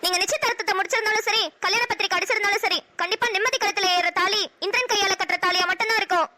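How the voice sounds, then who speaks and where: A woman voicing an outspoken young wife in a cartoon, with a Kongu Tamil accent and a quick, spirited delivery. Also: extremely high pitch, crowd noise. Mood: defiant. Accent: Kongu Tamil (Namakkal). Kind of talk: cartoon voice acting.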